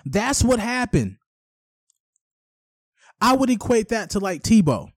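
A man hosting his own podcast rants on his own, cursing freely and stumbling over a word now and then. His voice sits high for a man. The sound is dry, with no room echo. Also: sing-song, slow. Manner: profane, rambling, stumbles over words. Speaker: podcast host. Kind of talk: solo podcast rant.

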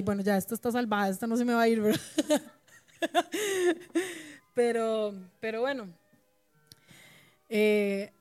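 Candid woman with mellow voice. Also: medium pitch, no echo. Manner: conversational, often ends with a questioning tag. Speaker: guest musician and mother. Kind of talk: candid personal talk.

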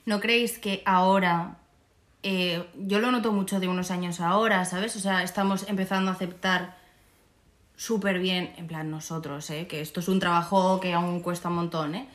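A woman's voice: lowish voice, steady tone, moderate pace, reverberant. A young woman with a Spain Spanish accent, chatting casually as a podcast co-host and mixing in English words. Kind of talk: casual chat.

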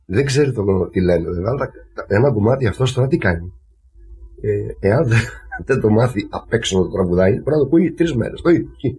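A man's voice: on the low side, animated, dark tone, husky. A man from Crete, a lyra player, telling rambling family anecdotes in a casual interview. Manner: rambling anecdotal storytelling with laughs.

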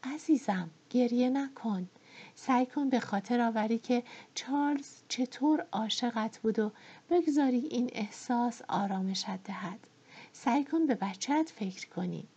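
A woman voicing a gentle, kind young woman who speaks in a soft, soothing, half-whispered way, in a dull lo-fi recording. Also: mid-range voice, lively intonation, slightly rough.

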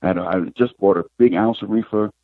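A middle-aged man, a psychic guest, telling his life story in an interview in an unhurried, reflective way. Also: on the low side, no echo. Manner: unhurried, reflective, retells scenes with quoted dialogue. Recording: tinny phone line.

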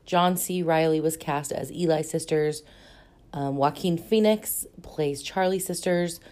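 A woman hosting her own podcast while sick, hoarse, chatting casually about books with frequent ums. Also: low voice, unhurried, darkish tone. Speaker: podcast host. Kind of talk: casual book talk monologue.

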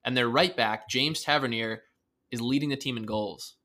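A man's voice: mid-range voice, normal speed, pushed and bright. A man co-hosting a casual sports podcast, talking through team stats in an upbeat, informative way. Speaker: podcast co-host.

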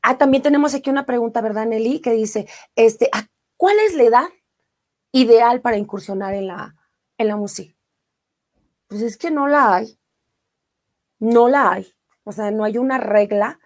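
A middle-aged woman with a Mexican accent, a singer chatting casually on a live stream, reading viewer comments warmly and effusively. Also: a little high, moderate pace, long pauses.

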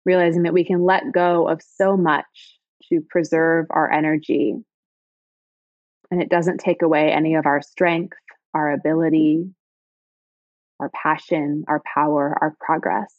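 A woman leading a guided body-scan meditation in slow, soft, soothing phrases. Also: low-pitched, level tone, dry recording, muffled recording.

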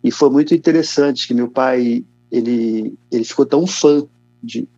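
A man's voice: mid-range voice, normal speed, dark tone, dry recording, faint music behind. A man in his fifties with a São Paulo Brazilian accent, giving a casual, slangy personal testimony as an interview guest. He coughs often as he talks. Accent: Brazilian Portuguese, São Paulo area. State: coughing repeatedly. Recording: dull, lo-fi, dry sound.

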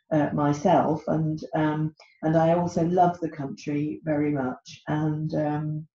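A middle-aged British author, interviewed as a podcast guest, hesitates often and fills gaps with ums. Her voice is low, mellow and creaky, and the lo-fi recording comes across echoey and dull.

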